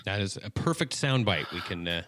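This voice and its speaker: Playful podcast host with lively pitch. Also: male voice, fairly quick, no room sound, clean studio sound. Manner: joking, playful asides. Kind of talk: casual podcast chat.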